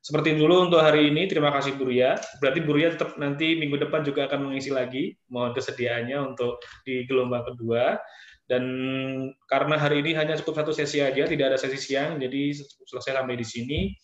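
A man's voice: medium pitch, fairly even intonation, quick pace. Man hosting a video call. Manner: friendly, mixes in Javanese phrases. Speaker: online event host. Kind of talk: casual closing remarks on a video call. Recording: echoey, muffled video call audio.

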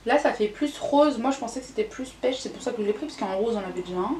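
A woman's voice: fairly high pitch, expressive, quick pace, darkish tone. A woman beauty vlogger giving a casual, candid makeup review, chatty and full of fillers and groaning exclamations. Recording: echoey room, faint noise.

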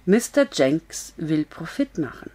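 A woman's voice: deep voice, very animated, slow, warm tone, slightly rough, full character voice. A woman reading a story aloud, voicing a frank, blunt but comforting young woman in an earnest, raised voice.

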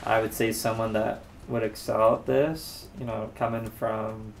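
A man co-hosting a let's play, speaking in an easygoing, hesitant way with halting phrases, at home. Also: lowish voice, level tone, gravelly, slight background noise. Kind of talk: casual gameplay chat. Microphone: desk microphone. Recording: voice set back from mic. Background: game music.

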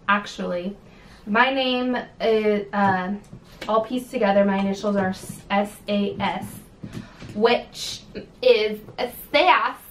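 Her pitch runs slightly high, and the mic is some distance away. This young vlogger from California chats on her channel from home, sassy and full of ums, in an echoey room with faint background hiss.

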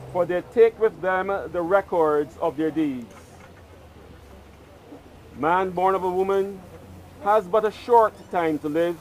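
A man's voice: high-pitched, low-quality recording. A clergyman solemnly declaiming scripture and prayers at an outdoor funeral. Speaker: officiating clergyman. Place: outdoor cemetery graveside. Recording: outdoor recording with noticeable background noise.

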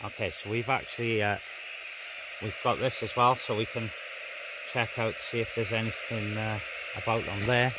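Filming a vlog in his garden, an amateur CB radio hobbyist gives casual, hands-on commentary while fiddling with his gear, speaking informally and hesitantly. His lowish voice is flat and normal in speed, captured on a noisy outdoor phone camera.

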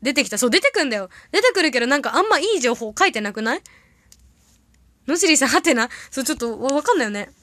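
A young woman chatting casually on a livestream, reading viewer comments aloud and telling rambling stories with quick reactions. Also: sits high, big pitch swings, fairly bright tone, no echo. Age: young adult. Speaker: idol audition candidate livestreaming.

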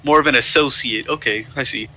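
A man's voice: medium pitch, fairly quick, sharp tone, no room sound, low-quality recording. A man around twenty joking crudely and mocking a friend in a casual podcast chat. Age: young adult. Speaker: podcast co-host.

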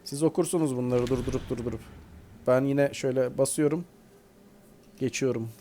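A man's voice: medium pitch, fairly even intonation, moderate pace, dark tone. A man hosting a gaming video, chatting casually and playfully as he plays and talks back to the game. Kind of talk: casual let's-play commentary.

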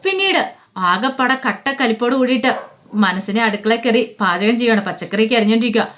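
Rapid chatty woman storyteller. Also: on the high side, expressive, fairly bright tone. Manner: rapid, chatty narration with "parayanam" tags. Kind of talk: casual spoken storytelling.

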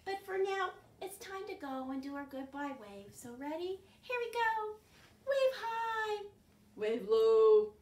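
An older woman, a children's librarian hosting storytime, reads an interactive picture book to young children in a very high-pitched, slow voice. She is animated and expressive, asking her listeners lots of questions and reacting with exaggerated gasps. She's indoors in her living room, with a camera a few feet away giving a roomy, distant sound.

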